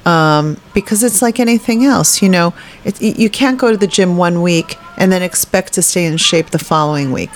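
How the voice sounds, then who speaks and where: Low-voiced chatty woman comedian. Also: moderate pace, hardly any pauses, slight background noise. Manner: chatty, candid, with frequent fillers. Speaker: guest, stand-up comedian. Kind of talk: casual interview conversation.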